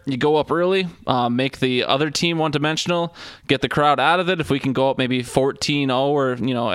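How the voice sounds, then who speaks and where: A man chats loosely about football as a podcast co-host, circling back with fillers and restarts. His voice sits at an ordinary pitch. The recording is close and dry, with no room sound. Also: a bit bright, clear, resonant tone, no echo. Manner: rambling, with many fillers and restarts. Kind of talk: casual sports chat.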